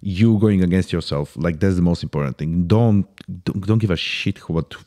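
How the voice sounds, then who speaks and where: A man in his thirties talks in a low, mellow voice as a podcast guest. His delivery is loose and casual, peppered with "bro" and halting restarts. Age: 30s. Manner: casual, sprinkles "bro" constantly; halting restarts while thinking.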